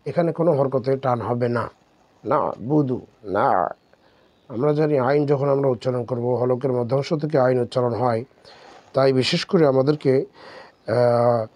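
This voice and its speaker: A man teaching Quran reading step by step, spelling out letters and drawing out syllables slowly. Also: mid-range voice, darkish tone, no room sound. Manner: slow, drawn-out syllable drills. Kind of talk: step-by-step recitation lesson.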